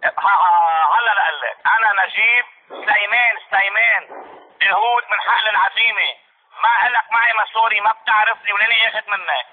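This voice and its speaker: A man's voice: high voice, fairly quick. A man with a Lebanese accent putting on a hot-tempered, foul-mouthed man in a prank phone call, repeating himself and hurling insults. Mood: insistent. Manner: repetitive, insistent, hurling insults. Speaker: prank caller. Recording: tinny phone line.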